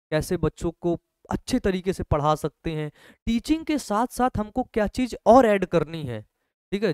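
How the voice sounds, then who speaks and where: A man's voice: fairly high pitch, darkish tone, smooth, dry recording, clean studio sound. A young male teacher giving a motivational talk to his students in a conversational way, checking in often with short questions.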